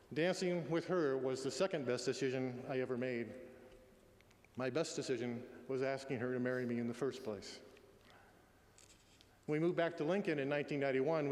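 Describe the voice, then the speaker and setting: A man in his sixties giving a eulogy in a tender, faltering, halting way. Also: mid-range voice, darkish tone. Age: 60s. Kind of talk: eulogy, spoken address. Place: large echoey room at a memorial gathering. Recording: echoey hall with long reverb.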